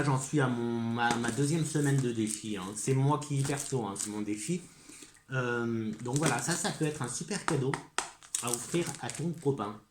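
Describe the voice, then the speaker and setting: A man with a French accent chats casually to the camera as a vlogger presenting gift ideas, his voice medium in pitch with a roomy sound and a noisy background. He is hesitant and full of fillers, and he eagerly repeats his praise.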